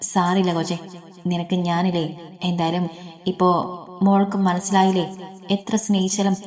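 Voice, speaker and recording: A woman's voice: lowish voice, monotone, moderate pace, a little mellow, natural voice. A woman reading the part of a man who soothes and persuades his lover in a storybook reading. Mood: coaxing. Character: man, lover, coaxing and scheming.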